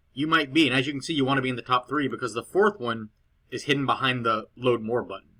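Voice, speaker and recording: A man's voice: medium pitch, bright, forceful tone. A man explaining a client report in a loose screen-recorded walkthrough, rambling a little with fillers and restarts, recorded at home on a cheap laptop. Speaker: SEO consultant presenting a client report. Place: girlfriend's house, indoors.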